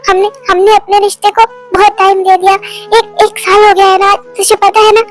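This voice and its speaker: A high-voiced performer dubbing a betrayed young wife in a melodrama, stammering and repeating words as she speaks through her hurt. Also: little pitch movement, fairly quick, faint music behind. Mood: sobbing, broken. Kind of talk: fan dub of a melodrama.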